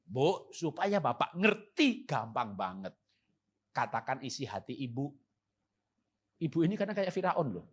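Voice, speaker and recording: A man preaching a church seminar sermon with humor. He acts out quoted husbands and wives and moves from loud emphasis to soft, calm passages. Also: medium pitch, measured pace, pauses often, slightly rough. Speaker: guest preacher. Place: church service.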